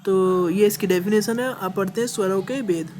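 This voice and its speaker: A woman's voice: medium pitch, moderate pace, mellow, a little hiss or hum. A woman teaching a grammar lesson, explaining step by step, often checking in with "okay" and drawing out vowel sounds as examples. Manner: repeats points with frequent "ठीक है" checks.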